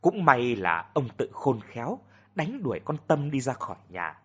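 A man voicing an older village mother who soothes and scolds in a soft, sighing way. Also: mid-range voice, huge pitch swings, moderate pace, breathy edge, exaggerated voice. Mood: worried.

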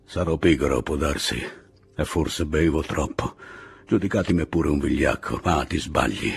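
Man reading a sullen guerrilla boss: gravelly, husky, scornful, raised and pushing. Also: very deep voice, unhurried, full character voice. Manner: scornful, defiant. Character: sullen, defiant male guerrilla leader, drinker.

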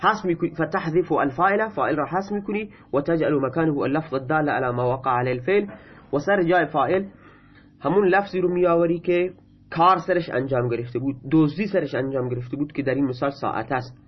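Husky man patiently explaining a grammar lesson. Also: fairly high pitch, dull audio. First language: Persian. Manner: reads Arabic text then explains it patiently in Persian, repeating examples. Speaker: Arabic grammar teacher.

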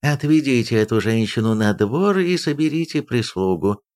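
A man voicing a haughty, stern noble housekeeper who speaks loudly and nasally in a commanding way. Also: medium pitch, lively intonation, normal speed, lightly acted. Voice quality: loud and nasal. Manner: imperious, commanding.

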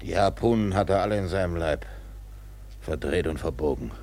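Captain Ahab, gravelly obsessed whaling captain. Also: male voice, deep voice, moderate pace, a little mellow. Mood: excited, rallying. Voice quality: gravelly, husky. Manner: commanding, declamatory, brooding. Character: obsessed, vengeful whaling captain with one leg. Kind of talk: German radio drama acting.

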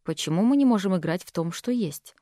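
A woman voicing a calm, protective young man who speaks low and hushed in an audiobook. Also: fairly quick, no echo, clean studio sound, natural voice.

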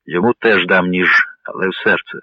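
A proud, bitter Viking warlord held captive, voiced by a male narrator. His deep voice stays low and scornful. The sound is dry and narrow, like a phone line. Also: a little fast, breathy edge, no room sound. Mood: grim pleading.

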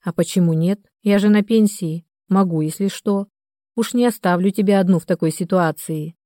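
A woman's voice: mid-range voice, moderate pace, warm tone, no room sound, studio quality, lightly acted. A woman reading the part of a retired mother in her sixties, anxious and reproachful, in an audiobook.

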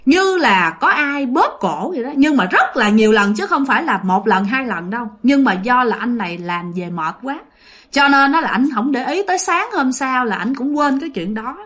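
A woman tells a ghost story in a loose, conversational way. She repeats herself and keeps turning to her listeners. Her voice sits fairly high and moves a great deal. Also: expressive, normal speed, a bit bright. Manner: chatty, repetitive, addresses listeners directly. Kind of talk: casual ghost story narration.

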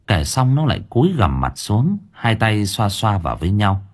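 A male audiobook narrator. His voice is very low and husky, and his pitch swings widely as he tells the story in an expressive, unhurried way.

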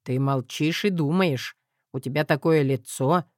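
A woman doing a gruff, curt young husband. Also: sits low, unhurried, darkish tone, dry recording, clean studio sound, pitched below the performer's own voice. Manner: curt, commanding.

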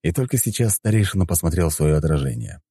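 Deep, lively male audiobook narrator. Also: fast, husky, no echo, clean studio sound. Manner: expressive storytelling. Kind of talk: scripted fantasy narration.

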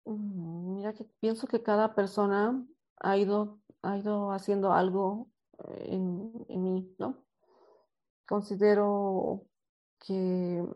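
A woman therapist in an interview, telling a personal story with many hesitations and animated retellings of conversations. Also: mid-range voice, dull audio. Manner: animated, acts out quoted dialogue, frequent hesitations.

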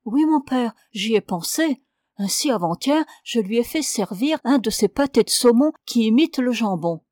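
A woman's voice: a little high, animated, moderate pace, darkish tone, no room sound, studio quality, close to an everyday voice. A woman reading a storybook, voicing a pious young wife who confesses timidly to her priest. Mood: earnest.

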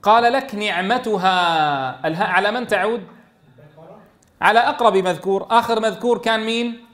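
A man teaching a tajweed lesson, asking questions and answering them himself, and chanting verse lines slowly. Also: high-pitched, a bit bright. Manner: explains by asking and answering his own questions. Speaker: Quran teacher.

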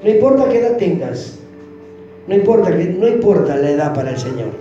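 Preacher guy, pleading prayer-style sermon, really animated pitch, echoey room w faint music. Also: fairly quick, highs cut off. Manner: pleading, fervent, speaks as if praying aloud. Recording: roomy echo with faint music.

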